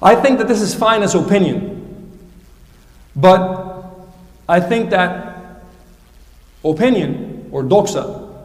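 Man debating in a lecture hall, pointed and academic, high voice, roomy echo. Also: animated, slow, long pauses. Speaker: debate speaker. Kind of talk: formal critical debate remarks. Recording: echoey hall, distant mic.

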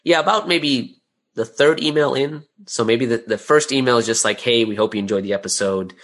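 Here the interviewee who makes audio dramas and owns a business talks a little fast in a medium-pitched, fairly bright voice. His explanation of the business is relaxed, with repeated words as he collects his thoughts.

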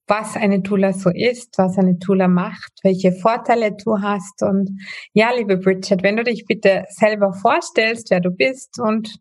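A woman's voice: mid-range voice, fairly even intonation, unhurried, darkish tone. A woman hosting a podcast, welcoming a guest and asking long, rambling questions in a casual way. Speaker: podcast host.

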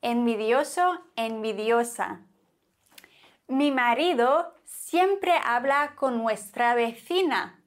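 Woman, language teacher, very slow careful speech, slightly high voice. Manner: slow, deliberate, repeating each word. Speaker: Spanish teacher. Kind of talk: slow, clearly spoken vocabulary lesson.

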